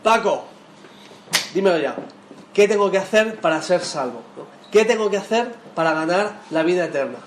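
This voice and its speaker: A man voicing an eager, pushy male friend who asks insistently in a louder voice. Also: high voice, animated, normal speed. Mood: urgent. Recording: echoey room with faint noise.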